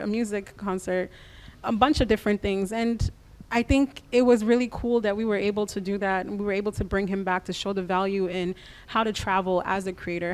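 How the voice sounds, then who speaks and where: A woman, raised in the United States, speaks as a guest in a radio interview, explaining her creative business in a practical, measured way. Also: medium pitch.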